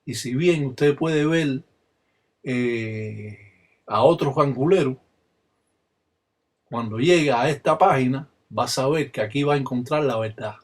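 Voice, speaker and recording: A man's voice: medium pitch, unhurried, long pauses. An older man with a Cuban Spanish accent, a religious elder giving a solemn spoken teaching that breaks into rhythmic chanted phrases. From Cuba. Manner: solemn, insistent, bursts into rhythmic chanted call-and-response phrases.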